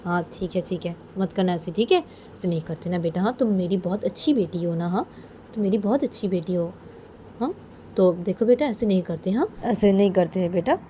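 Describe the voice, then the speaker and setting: A woman voicing a gentle father who softly coaxes his daughter. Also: fairly quick, a little hiss or hum, natural voice. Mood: coaxing. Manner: soft, lowered, coaxing.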